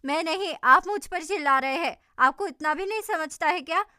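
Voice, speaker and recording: An animated, quick-tempered young woman, as a woman narrator puts her on speaks emphatically in a dubbed drama recap. The voice is very high and bright. It sounds close and dry. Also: dry recording, heavily acted. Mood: indignant.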